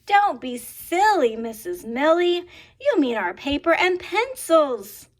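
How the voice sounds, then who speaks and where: Woman doing giggly kids chanting high and slow. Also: very animated, full character voice. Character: class of young children, giggly and correcting.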